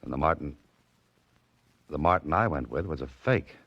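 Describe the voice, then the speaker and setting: A wry writer in an old radio show. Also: male voice, extremely low pitch, expressive, slightly rough, no echo, exaggerated voice. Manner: quick wisecracking delivery, stammers when pressed. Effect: old radio show broadcast sound. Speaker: lead and narrator of a radio drama. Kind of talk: 1940s radio drama acting. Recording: dull lo-fi old radio recording with faint music.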